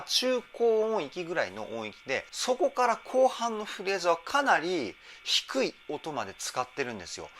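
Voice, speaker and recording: A young man coaching voices, talking with huge swings in pitch and a bright, forceful tone. He gushes over what he hears and keeps slipping into quick sung demos. A faint hiss sits under his voice. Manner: enthusiastic, breaks into sung demos and falsetto examples. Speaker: vocal trainer. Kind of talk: reaction and vocal analysis commentary.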